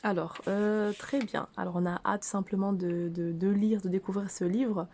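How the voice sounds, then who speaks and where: A woman interviewing an author, asking halting questions full of fillers. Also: mid-range voice, fairly even intonation, dark tone, slight background noise. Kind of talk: casual interview.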